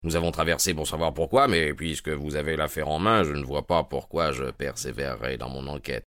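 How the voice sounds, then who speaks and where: A man reading an audiobook, voicing a brilliant detective who talks in a measured way. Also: a bass voice, fairly even intonation, a bit bright, clear, resonant tone, dry recording, studio quality. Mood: calm.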